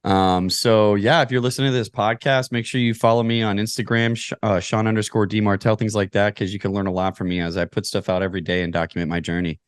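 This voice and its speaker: Fast and with few pauses, a lowish-voiced man from Kentucky, USA, answers interview questions on a podcast, explaining things methodically yet conversationally. He's a real estate investor; his tone is clean and fairly even, and the studio sound has no room noise.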